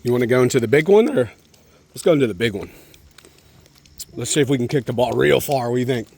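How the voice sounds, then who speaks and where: A man plays with his young child at a park in the rain, chatting casually and playfully with simple, encouraging phrases and frequent check-ins. His medium-pitched voice is quick, creaky, a little mellow and slightly rough. The home-video audio is noisy and outdoors.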